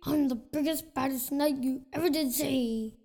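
A man voicing a boastful, sneaky big bad knight in a high, creaky voice, taunting in sing-song rhymes. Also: normal speed, noisy background. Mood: gloating.

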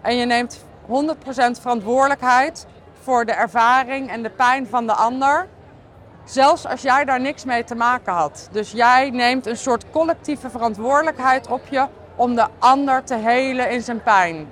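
Tired woman podcaster, slightly high voice. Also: a bit bright, slight background noise. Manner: candid, halting, with many fillers. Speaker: podcast host. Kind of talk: casual video diary.

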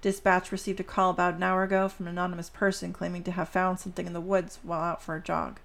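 A woman's voice: fairly low pitch, flat delivery, fast talker, gravelly. A woman hosting a podcast, reading a story aloud and talking directly to her listeners. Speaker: podcast host.

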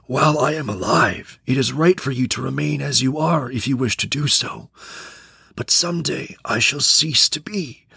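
A man voicing an old bamboo cutter past seventy, gentle and pleading, with a gravelly, husky voice set a little higher than a plain speaking voice. He pleads slowly and earnestly, with a storybook tone. The sound is close and dry. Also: no room sound, full character voice.

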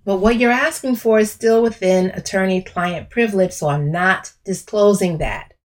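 A woman voicing a smooth, brash middle-aged male lawyer who talks bluntly and swears. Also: medium pitch, normal speed, lightly acted.

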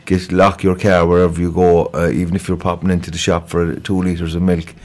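His darkish, low voice barely shifts in pitch, and he speaks briskly. A man from Kerry in Ireland, he's giving an informal police appeal as a local radio guest, hesitant and conversational, often repeating words.

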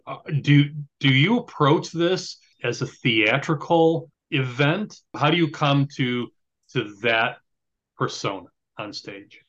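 A man's voice: mid-range voice, animated, takes it slowly, fairly bright tone, muffled recording. A man hosting a podcast interview. He asks questions and reads the show's plugs and outro, and he often agrees with "yeah". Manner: friendly, says "yeah" and laughs along. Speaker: podcast host.

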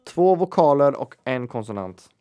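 A man's voice: mid-range voice, lively intonation, mellow, clean tone, no echo, lo-fi sound. A man co-hosting a podcast in casual chat, joking and laughing often. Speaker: podcast co-host.

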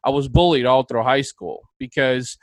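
A man's voice: medium pitch, normal speed, dry recording, low-quality recording. A man from Bulgaria, hosting a podcast interview and talking in an enthusiastic, motivational way. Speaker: podcast host. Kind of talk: interview conversation.

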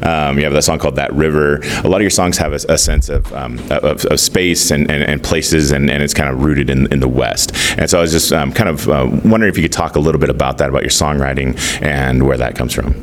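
An American man with an extremely low voice, conducting a casual interview. He feels his way through questions with hesitant phrasing, over a noisy, rumbling recording. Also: steady tone, quick pace, few pauses. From Nevada, western United States.

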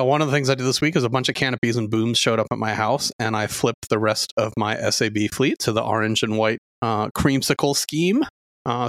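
A man's voice: fairly low pitch, a bit bright, dry recording, studio quality. A middle-aged man hosting a podcast in casual chat, telling long stories full of fillers. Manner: rambling storyteller, lots of fillers. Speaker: podcast host.

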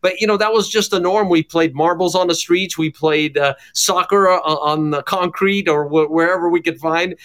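A man's voice: on the high side, normal speed, few pauses, a bit bright. A man from Jerusalem, a cardiologist and evangelist, giving his testimony in an interview with fervent, preacher-like emphasis.

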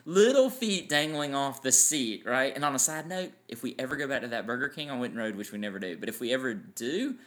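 A man's voice: medium pitch, animated, fairly quick, hardly any pauses, a bit bright. A man in his forties co-hosting a casual family podcast, telling sentimental stories and laughing easily. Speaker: podcast co-host.

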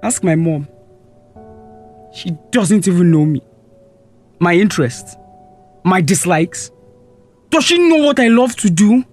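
A young man with a Nigerian accent voices a neglected teenage son in a radio drama, sounding aggrieved and accusing. His voice sits very high, and soft music plays faintly underneath. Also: animated, takes it slowly, long pauses, full character voice. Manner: confrontational, accusing.

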